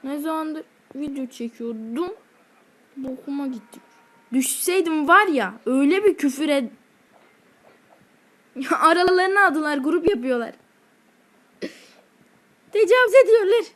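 High-voiced woman narrating her gameplay. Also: animated, measured pace, pauses often, a bit bright. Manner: heated, swears at enemies while playing. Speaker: gaming channel host. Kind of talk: gameplay commentary.

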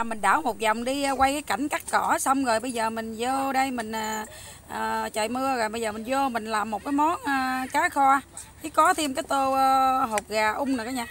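A young woman with a Southern Vietnamese Mekong Delta accent, chatting loudly and eagerly to viewers while she cooks in a rural hut kitchen. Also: fairly high pitch. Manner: loud, chatty, enthusiastic, talks over noisy kids. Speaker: cooking vlogger. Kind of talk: casual cooking vlog chat.

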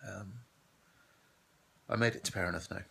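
British guy 30s, low monotone voice, hesitant casual vlog on his phone indoors, bit of background noise. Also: normal speed, creaky. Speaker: vlogging runner. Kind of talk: casual spoken video diary. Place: small room indoors. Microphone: phone at arm's length.

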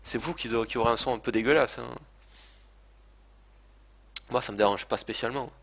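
Speaking a little fast, this man has a gravelly, fairly bright mid-range voice as he livestreams a game. He chats casually, hesitates, curses, and pokes fun at himself. Game audio plays through speakers, picked up by his desk mic.

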